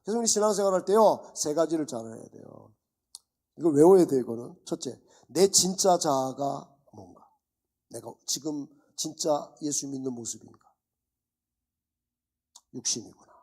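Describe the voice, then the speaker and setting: A male pastor delivering a sermon in a high, husky voice with plenty of gravel. He keeps throwing rhetorical questions at the congregation in an animated, lively way. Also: normal speed, pauses often. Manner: animated preaching with rhetorical questions and acted-out dialogues. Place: church.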